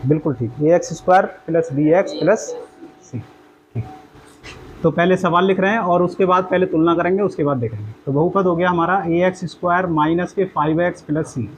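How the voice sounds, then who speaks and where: A man's voice: on the high side, fairly quick, slight background noise, low-quality recording. A man teaching a math lesson in a classroom, walking through each step aloud and quizzing the class with questions.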